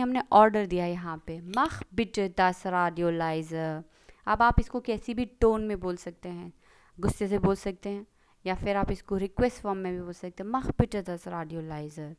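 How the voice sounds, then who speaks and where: A woman teaching German grammar in a video lesson, switching between Hindi and English and reading example sentences slowly. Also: medium pitch, smooth.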